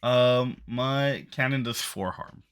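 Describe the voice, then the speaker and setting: A man's voice: medium pitch, slow, clear, resonant tone. A man playing in a tabletop game who jokes around and breaks into exasperated outbursts. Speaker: player. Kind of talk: tabletop role-play chat.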